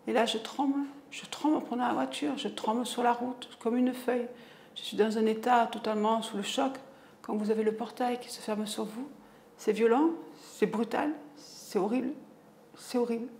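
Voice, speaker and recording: A woman's voice: fairly high pitch, a little mellow. A middle-aged woman giving an emotional personal testimony, acting out the voices she quotes. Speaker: domestic violence victim giving testimony. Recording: echoey room with faint noise.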